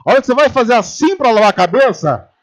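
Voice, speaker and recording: Lively, high-voiced man preaching. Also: fast, lo-fi sound. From Brazil. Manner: animated storytelling, acting out quoted voices. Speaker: pastor. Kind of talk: humorous sermon. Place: church.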